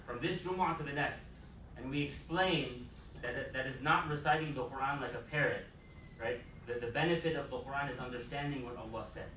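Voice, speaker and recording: Imam preaching in an echoey hall. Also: male voice, mid-range voice, fairly quick, pushed and bright, a little hiss or hum. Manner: emphatic, repeats key phrases. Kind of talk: Friday sermon. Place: mosque prayer hall. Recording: echoey hall, mic far off.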